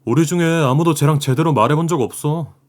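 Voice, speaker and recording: A man's voice: on the high side, fast, natural voice. A man voicing a snide, mocking teenage schoolboy in an audio drama, talking in a sneering, dismissive way.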